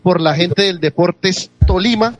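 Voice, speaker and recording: A man hosting a sports radio show, reading club news in a steady way with frequent "eh" fillers. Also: high-pitched, measured pace, faint music behind.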